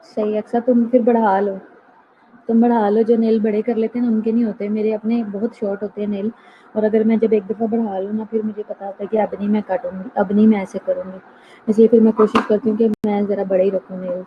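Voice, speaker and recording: A woman teaching a nursing class online, explaining terms patiently and slowing down to read out English definitions. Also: medium pitch, level tone. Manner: explanatory, mixes English terms, reads slowly from notes. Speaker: nursing lecturer. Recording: tinny phone-like line, faint noise.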